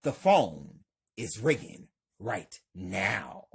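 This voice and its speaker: A woman reading a horror story aloud, narrating scenes in a deliberate, stage-direction style. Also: rumbling low, big pitch swings, husky. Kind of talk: slow narrated script reading.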